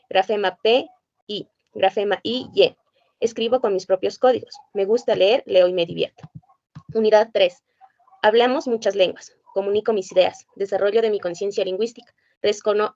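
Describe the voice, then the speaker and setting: A woman's voice: medium pitch, darkish tone, no room sound. Woman presenter, reads items in a plain listing way; dry, dull lo-fi recording. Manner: plain list-reading, spells out letters and sounds one by one. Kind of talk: reading a curriculum list aloud.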